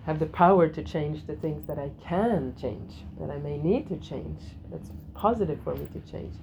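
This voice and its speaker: A middle-aged woman leads a spiritual yoga lesson for a class, her voice sitting a little low. She speaks gently, repeats her key phrases and laughs softly now and then. Faint room noise hums behind her. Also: normal speed, rough recording. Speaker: yoga teacher.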